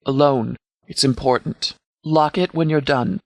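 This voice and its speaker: In scripted video game dialogue, a male actor with a natural, medium-pitched voice and no room sound plays the sheriff of a post-apocalyptic militia. Stern and composed, he sounds firm and guarded, giving clipped orders in a measured, formal, authoritative manner.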